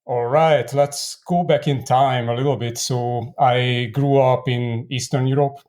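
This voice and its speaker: Casting: Hungarian-native man, 30s, mellow warm tone, reflective interview guest. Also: mid-range voice, steady tone. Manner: measured, reflective storytelling with frequent fillers. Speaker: startup co-founder guest. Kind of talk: conversational interview.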